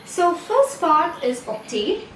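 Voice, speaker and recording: A woman's voice: extremely high pitch, big pitch swings, slow, a bit bright, slight background noise. A woman with an Indian English accent explaining poetry as a lecturer, asking the listener questions and then answering them herself. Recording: roomy echo, distant mic, faint ambience.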